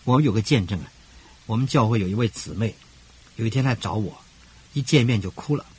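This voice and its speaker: An older man preaching a radio sermon as pastor, emphatic, with rhythmic parallel phrasing and sudden rises in pitch. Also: lively intonation, fairly quick, a little mellow, breathy edge.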